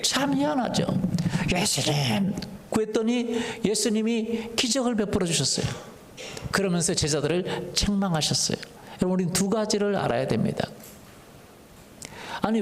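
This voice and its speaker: High-voiced male pastor in a reverberant hall. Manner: preaches with questions to the congregation; tells a personal story conversationally. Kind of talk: Sunday sermon. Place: church sanctuary. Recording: echoey church hall reverb.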